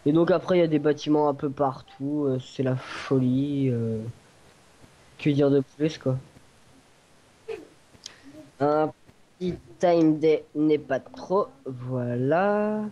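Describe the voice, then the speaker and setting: Game tour guide: man, fairly high, mellow voice, hesitant and wordy; dull lo-fi recording. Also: slow pace, pauses often. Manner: hesitant, searching for words. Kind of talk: casual game walkthrough commentary.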